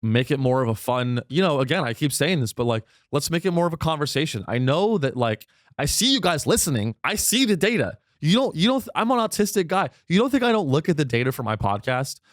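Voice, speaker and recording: Losing his voice, a man rambles through an irreverent, comedic podcast monologue of his own, cursing freely and jumping suddenly into high pitches. He talks a little fast with big pitch swings. The recording is dry and studio quality.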